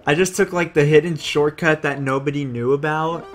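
A young man live-streaming a game, chatting casually, thanking viewers and reading the chat aloud in an excitable way. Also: fairly high pitch, normal speed, faint music behind.

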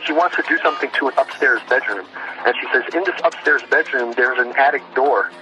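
A man's voice: medium pitch, a little fast, over music, low-quality recording. A man who works as a firearms instructor, explaining things casually in a documentary interview.

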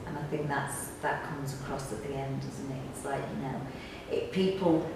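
A middle-aged pantomime actor sits on a sofa in a small indoor room, chatting reflectively in a casual interview. Her voice is very deep, level in tone and moderately paced. A camera a few metres away picks her up, so the sound is roomy and distant with clear background noise.

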